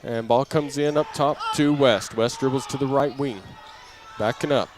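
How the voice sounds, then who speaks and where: Over noisy gym ambience and the sound of bouncing balls, a male announcer gives live basketball radio commentary in short phrases, raising his voice when play heats up. His voice is mid-range and steady, at normal speed.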